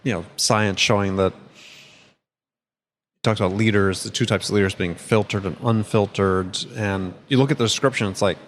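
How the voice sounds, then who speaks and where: A male podcast host in casual talk, rambling with many restarts and chuckles, going hoarse after a long day. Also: fairly low pitch, steady tone, normal speed, a little hiss or hum. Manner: rambling, self-interrupting, chuckles often. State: losing his voice. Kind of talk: casual conversational chat.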